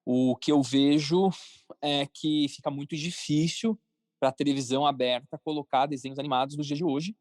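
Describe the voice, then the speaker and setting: His voice is on the high side, captured dry at studio quality. A cartoon creator and entrepreneur with a Brazilian accent, he answers a podcast's interview questions in an informal, conversational, explanatory manner.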